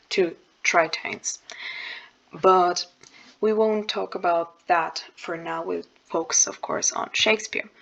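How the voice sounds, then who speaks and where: A young woman giving a casual lesson on verse, pausing on fillers and correcting herself as she goes. Her voice sits on the lower side, and her intonation barely rises or falls. She sounds like a student sharing her own study method. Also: creaky, a bit bright, poor audio. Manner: thinking aloud, with frequent fillers and self-corrections. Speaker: student explaining a poem. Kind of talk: casual explanatory lesson over slides.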